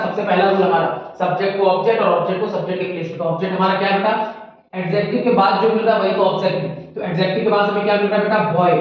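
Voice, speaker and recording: एक पुरुष अंग्रेज़ी शिक्षक जो अपने विद्यार्थियों को "बेटा" कहकर व्याकरण पढ़ाता है और उदाहरण धीरे-धीरे बोलकर लिखवाता है।. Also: male voice, sits high, very echoey, recorded from a distance, highs cut off. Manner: addresses students as children, slow dictation of examples. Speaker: English teacher. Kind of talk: classroom grammar lesson.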